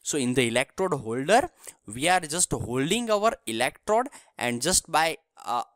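A man's voice: on the high side, sing-song, measured pace, fairly bright tone, no echo. A man from India giving a recorded engineering lesson, explaining step by step and checking in with "right?". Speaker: engineering lecturer. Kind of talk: recorded technical lecture.

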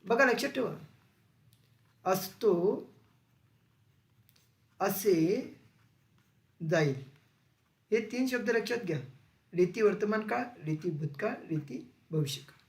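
A male teacher with a high, gravelly voice gives an exam-prep grammar lesson. He poses questions and repeats the answers slowly. The recording has a roomy echo. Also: animated. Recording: echoey room.

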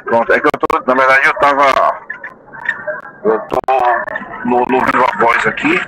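A man's voice: medium pitch, lively intonation, measured pace. A man talking from his car over a Bluetooth headset mic on speakerphone. He is asking a question in an online class, hesitant, with many restarts and repeated words. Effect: heard through a Bluetooth headset mic on speakerphone. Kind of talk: casual spoken question. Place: in a car while driving. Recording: noisy car line through a Bluetooth headset.

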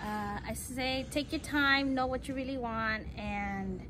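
With a high voice and a measured pace, a young woman gives a relaxed, step-by-step tour of something she built at home. She's filming outside in a driveway beside a house on a handheld camera, whose mic captures loud noise from outdoors.

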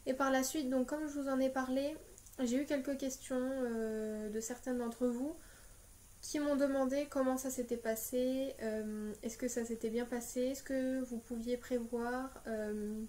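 A young woman from France giving casual parenting advice in a vlog, pausing often with fillers as she talks. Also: sits high, darkish tone. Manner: hesitant, many filler pauses. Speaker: parenting vlogger.

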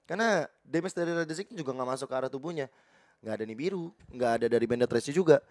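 A man's voice: mid-range voice, expressive, racing, darkish tone. A man with an Indonesian accent doing live esports commentary and analysis, in flowing explanations peppered with English gaming terms. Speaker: esports co-caster.

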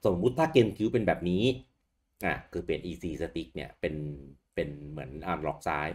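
Deep-voiced man chatting casually. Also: normal speed. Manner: relaxed, chatty, swears casually. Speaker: podcast co-host. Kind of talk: casual chat about retro games.

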